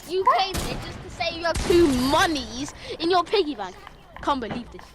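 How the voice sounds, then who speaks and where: High excitable woman over a noisy mic. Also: normal speed. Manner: excitable, keeps jumping in to finish the story. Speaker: storyteller. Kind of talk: casual storytelling on a stream.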